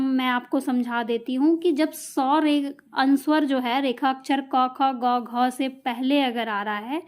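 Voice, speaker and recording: A woman's voice: high voice, a little mellow. A woman teaching a shorthand lesson, explaining each rule patiently and repeating it with examples.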